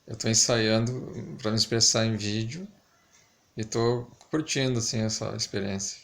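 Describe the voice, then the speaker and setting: A man's voice: on the low side, creaky, a bit bright. A man talking casually and reflectively to camera, hesitant, his articulation slightly lisped and stumbling from wearing a dental retainer. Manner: hesitant, reflective, pausing often. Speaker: amateur video maker.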